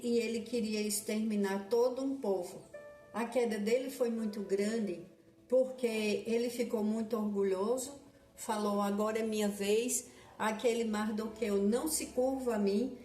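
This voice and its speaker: A woman preaching a devotional sermon in a slow, earnest, repetitive way, often restarting her phrases. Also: fairly high pitch, dark tone. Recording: echoey room with faint music behind.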